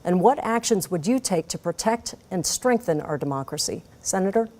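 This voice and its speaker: Measured woman moderator, lowish voice. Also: expressive, a little mellow. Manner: measured, formal questioning. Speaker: debate moderator, TV journalist. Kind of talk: moderating a televised debate.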